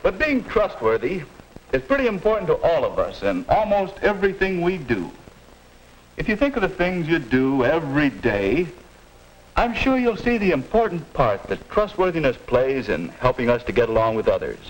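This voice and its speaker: An American man playing a patient, moralizing father in a 1950s instructional film, measured and gently questioning. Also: fairly high pitch, sing-song. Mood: patient, didactic. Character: patient, moralizing middle-aged father advising his child. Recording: noisy vintage 1950s film soundtrack.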